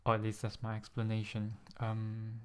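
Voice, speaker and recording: A lowish, monotone voice, a little mellow and clean, belongs to a young Singaporean ASMR host vlogging casually to camera on a USB desk mic. Nervous and hesitant, he ums a lot. His Singapore-tinged English is pronounced with deliberate care.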